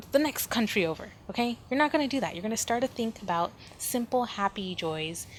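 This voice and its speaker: A woman with a voice on the high side speaks animatedly at a moderate pace, hosting a solo podcast. She is casual and informal, rambling as she thinks aloud at home, with street noise and ambient room sound in the background.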